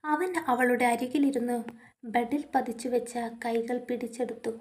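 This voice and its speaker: A woman with a fairly high voice narrates a family story, audiobook style. Her reading is measured and softly expressive, moving steadily through the scenes.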